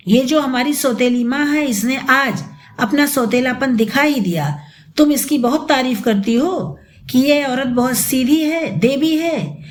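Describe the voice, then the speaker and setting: Brief: woman reading an angry young mother in an audio story, shrill, lively, spitting hatred. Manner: shrill, hateful shouting. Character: bitter young mother, furious accuser of stepmother.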